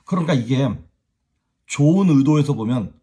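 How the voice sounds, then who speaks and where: A man giving a casual devotional sermon as a pastor, animated, chuckling and speaking straight to his viewers. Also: mid-range voice, normal speed, slightly rough.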